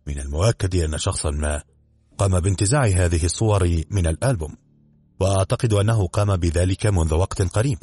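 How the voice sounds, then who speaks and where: A man's voice: deep voice, fast talker, husky, no echo. A man voicing a firm, probing male police inspector in a mystery audiobook. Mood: sharp. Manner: sharp, insistent.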